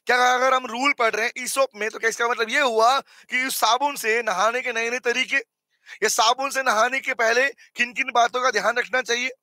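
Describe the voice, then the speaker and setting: Very high-voiced hoarse male teacher. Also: moderate pace, dry recording. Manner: teasing, animated, quizzes students. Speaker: accounting teacher. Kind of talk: live online lecture.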